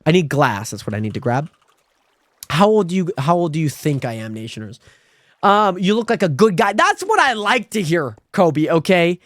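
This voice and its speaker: Animated young man chatting on stream. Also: normal speed, dry recording. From Spokane, Washington. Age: 20s. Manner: rambling, friendly, animated with sudden high pitch jumps. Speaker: livestreamer. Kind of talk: casual stream chat reading viewer comments.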